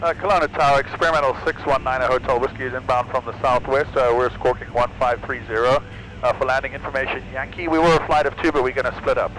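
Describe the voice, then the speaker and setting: A man's voice: mid-range voice, steady tone, quick pace, low-quality recording. A man making clipped, matter-of-fact radio calls to the tower through a cockpit headset in a small aircraft. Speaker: pilot.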